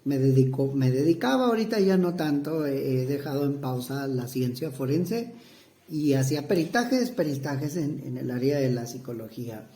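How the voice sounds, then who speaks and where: Un hombre mexicano de unos cuarenta años, psicoterapeuta, que responde una entrevista con titubeos, muletillas y frases que vuelve a empezar. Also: male voice, medium pitch, expressive, warm tone. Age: 40s. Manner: halting, many fillers and restarts. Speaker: psychotherapist interviewee. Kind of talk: hesitant interview answers. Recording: roomy echo.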